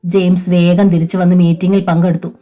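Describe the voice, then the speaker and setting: A woman reading a novel aloud in measured scripted narration, giving each character a voice. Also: on the low side, level tone, mellow, soft background music.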